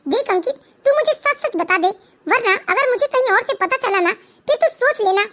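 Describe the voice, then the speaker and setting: A woman's voice: very high-pitched, expressive, moderate pace, a bit bright, pitched above the performer's own voice. A woman voicing a stern scolding mother-in-law. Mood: suspicious. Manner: scolding, interrogating. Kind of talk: cartoon family drama voice acting.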